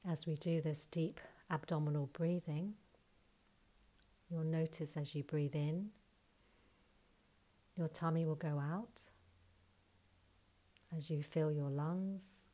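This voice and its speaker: A woman with a low, mellow voice leads a guided breathing exercise. She speaks slowly and softly, counting breaths and slipping at times into a near whisper. Her instructions are steady and unhurried. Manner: slow soothing counting instructions.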